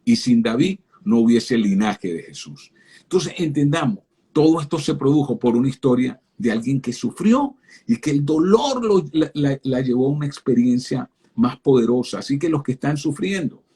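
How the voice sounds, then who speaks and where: A man with a fairly high-pitched, dark, slightly rough voice delivers a fervent, sermon-style talk as a guest speaker on a live stream. He addresses listeners directly and often repeats words when starting a phrase.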